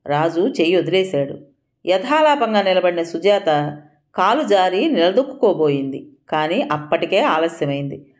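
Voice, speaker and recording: Measured woman narrator, lowish voice. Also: big pitch swings. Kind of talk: scripted audio story narration.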